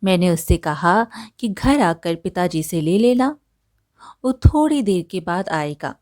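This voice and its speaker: A woman's voice: lowish voice, lively intonation, slow, a little mellow, no echo, clean studio sound. A woman voicing a landlord's respectful grown son in a storybook tale. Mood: polite. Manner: polite, respectful.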